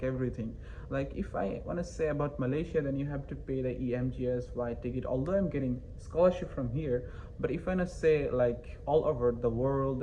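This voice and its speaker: Hesitant young man, quiet hiss behind. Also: mid-range voice, rough recording. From Bangladesh. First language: not English. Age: young adult. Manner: hesitant, many fillers and restarts. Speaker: interview guest, university student. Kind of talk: casual interview answers.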